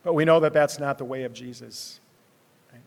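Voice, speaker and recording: A man preaching a sermon in an earnest way, repeating words, moving between loud emphasis and hushed, quiet phrases. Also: mid-range voice, normal speed, vocal fry. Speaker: pastor. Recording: long hall reverb.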